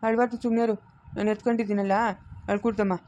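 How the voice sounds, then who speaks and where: A woman's voice: mid-range voice, little pitch movement, quick pace, mellow, lo-fi sound, close to an everyday voice. A woman acting a desperate estranged father who begs to hold his baby son, deferential and pleading, with a Chikkaballapur Kannada accent, in an amateur family drama. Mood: tender. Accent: Kannada of Chikkaballapur area. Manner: pleading, deferential, keeps saying madam.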